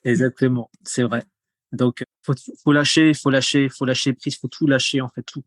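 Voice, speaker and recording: In a casual conversational interview, a male podcast guest and content creator rambles, leaning on fillers and repeating words. His medium-pitched voice shows little pitch movement at normal speed, and the recording is dry.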